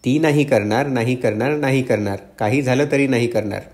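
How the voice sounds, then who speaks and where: A man's voice: mid-range voice, a little fast, a little mellow, close to an everyday voice. A man voicing an old father who is fearful, sly and pleading, in an audiobook reading. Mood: anxious pleading. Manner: pleading, repetitive.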